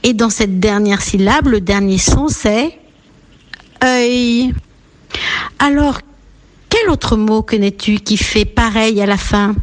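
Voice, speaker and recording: A woman teaching a radio lesson for young children, speaking gently with encouraging leaps in her voice. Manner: slow, gentle, lilting teacher voice with big pitch leaps to encourage. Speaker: preschool teacher.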